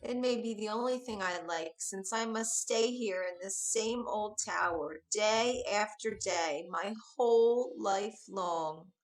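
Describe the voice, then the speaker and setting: A woman's voice: mid-range voice, slow pace, few pauses, poor audio. A woman voicing a timid young girl locked in a tower in a read-aloud storybook, plaintive and raised.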